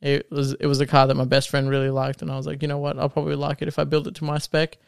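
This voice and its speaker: A young Australian man chatting casually on a podcast as host, rambling with many pauses and fillers. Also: a little high, monotone, vocal fry, clean tone, no room sound, studio quality. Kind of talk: casual chat.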